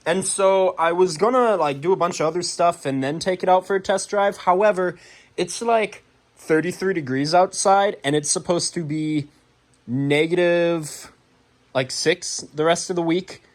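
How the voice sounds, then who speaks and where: A young man in his garage, chatting casually about his car build with lots of fillers and a self-deprecating, excitable manner. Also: high voice, moderate pace. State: out of breath. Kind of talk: casual vlog narration.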